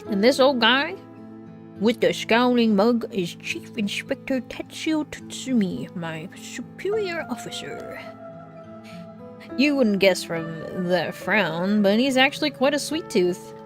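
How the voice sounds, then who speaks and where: A woman's voice: fairly high pitch, expressive, slow. A young male rookie detective in a video game, read aloud by a woman. He is polite, eager and talkative. Faint music plays behind the voice. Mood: chatty, polite. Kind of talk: reading game dialogue aloud.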